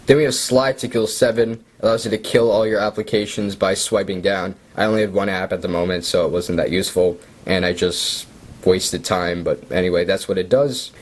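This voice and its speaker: A young man with a lowish, somewhat breathy voice talks casually through a device tour. He sounds relaxed and chatty, dropping self-deprecating asides. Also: a little fast. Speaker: tech video creator. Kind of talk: casual screen-recorded walkthrough.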